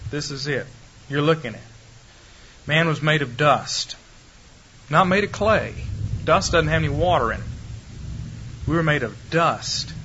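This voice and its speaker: A man giving a Bible lecture to a live audience, emphatic and demonstrative, speeding up and slowing down and shifting loudness to make his points. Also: fairly high pitch. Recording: dull lo-fi archive recording with faint hiss.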